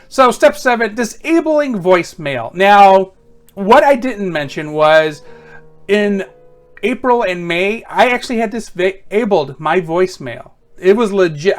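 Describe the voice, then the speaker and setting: Male how-to presenter, noticeably high pitch, informal and matter-of-fact delivery. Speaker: tech tips presenter.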